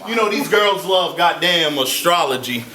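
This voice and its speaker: A man performing an aggressive, punchy battle rap verse live, shouting some lines and laughing between bars. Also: fairly high pitch, expressive, moderate pace. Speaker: battle rapper. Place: live battle rap event before a crowd. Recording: live event with crowd noise.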